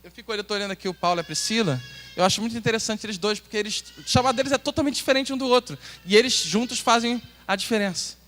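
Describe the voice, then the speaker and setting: A Brazilian pastor with a Brazilian Portuguese accent, preaching an earnest sermon and asking the congregation questions. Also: male voice, sits high, very fast, a bit bright. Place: church hall. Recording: long hall reverb.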